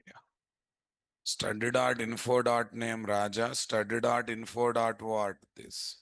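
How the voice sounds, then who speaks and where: A man's voice: medium pitch, little pitch movement, slow pace, gravelly, fairly bright tone, no echo. A man with an Indian accent giving a live coding lesson as an instructor, often throwing in rhetorical questions. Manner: asks rhetorical questions, often repeating "what". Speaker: programming instructor. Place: indoors at a computer.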